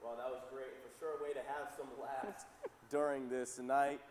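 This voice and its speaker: A man's voice: medium pitch, flat delivery, moderate pace, darkish tone. A young man co-hosting a telethon in casual live chat, often checking in with "right?". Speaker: telethon co-host. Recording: reverberant studio with faint hiss.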